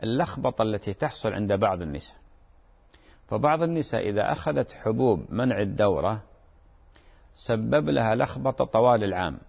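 Low gravelly-voiced sheikh answering questions. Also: male voice, animated, a little mellow, in a large hall, highs cut off. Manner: measured, repeats key words for emphasis. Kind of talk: religious question-and-answer program.

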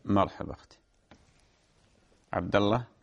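A man's voice: lowish voice, fairly even intonation, moderate pace, gravelly, muffled recording. A man, a sheikh, hosting a call-in radio show and answering listeners' religious questions, opening formally and then prompting callers with short questions.

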